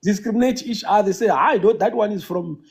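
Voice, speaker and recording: This caller, a South African man with Xhosa as his first language, stumbles through a casual live chat with frequent restarts and fillers, in a high, creaky voice.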